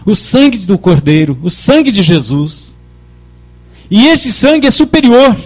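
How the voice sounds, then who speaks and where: A man's voice: sits high, sing-song, unhurried, a little mellow. A male preacher giving a sermon with emphasis, calling on the congregation to repeat his words back to him. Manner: emphatic, leads the congregation in call-and-response.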